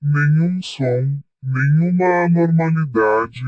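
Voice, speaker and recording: A man's voice: fairly high pitch, takes it slowly, no room sound, far from the mic, dull audio. A man in his thirties telling a scary first-person account, his voice altered by a voice changer. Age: 30s. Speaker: interviewed witness.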